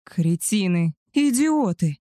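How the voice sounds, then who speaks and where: A woman's voice: on the low side, steady tone, slow pace, mellow, dry recording, studio quality. A woman voicing a roaring werewolf alpha. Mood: furious. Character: furious male werewolf alpha, roaring and possessive.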